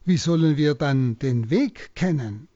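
A man, a priest, slowly and deliberately explaining a Bible passage on a radio broadcast. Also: on the high side, lively intonation, mellow, dry recording, dull audio. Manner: slow, deliberate teaching. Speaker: priest giving a Bible talk.

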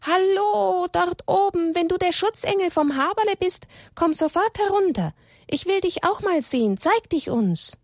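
A woman's voice: sing-song, moderate pace, no echo, studio quality. A woman doing a cheeky young animal boy. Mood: cheeky, loud. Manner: high, eager, outspoken. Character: bold cheeky young male farm animal.

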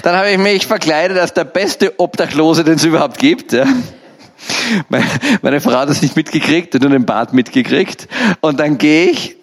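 Male lay preacher, somewhat high voice, lively storyteller, speaks straight to the listener. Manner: animated, repetitive, addresses the listener directly. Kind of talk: storytelling sermon.

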